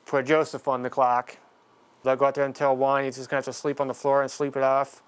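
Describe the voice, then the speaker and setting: A man's voice: mid-range voice, completely flat delivery, fast talker, clear, resonant tone, no room sound. A man working as a police officer, speaking firmly and matter-of-factly, then recapping to camera. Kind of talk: on-duty talk and recap to camera.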